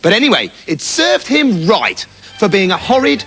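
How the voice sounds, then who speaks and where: A man's voice: high voice, wildly swooping pitch, moderate pace, music in the background. A man telling a fairy tale with comic, mock-dramatic asides. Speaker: storyteller.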